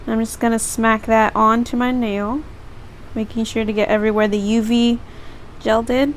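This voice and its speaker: A woman's voice: on the high side, flat delivery, moderate pace, slight background noise. A teenage girl vlogger casually narrating each step of a beauty tutorial. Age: teens.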